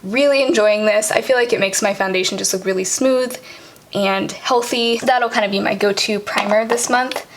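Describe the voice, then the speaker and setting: Fast-talking young woman beauty vlogger. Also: mid-range voice, steady tone. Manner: fast, chatty, many fillers like "um" and "like". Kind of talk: casual product walkthrough.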